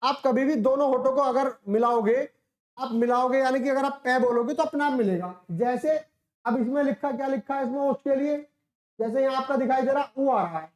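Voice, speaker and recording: During a classroom lecture, a woman teacher explains step by step, raises questions and answers them herself, and lengthens sounds to demonstrate them. Her voice is high-pitched with a darkish tone at normal speed, and the sound is roomy.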